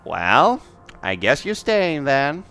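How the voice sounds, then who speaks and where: A man's voice: on the high side, huge pitch swings, takes it slowly, sharp tone, faint music behind, voice pushed up, full character voice. A man voicing a weary female tavern keeper in a tabletop game. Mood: dry, wheedling.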